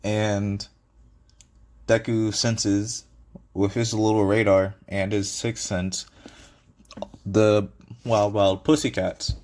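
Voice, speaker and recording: A man's voice: on the low side, level tone, slow pace, long pauses, a little mellow. A man casually improvising a fan story, rambling with many fillers and restarts and chuckling at his own ideas.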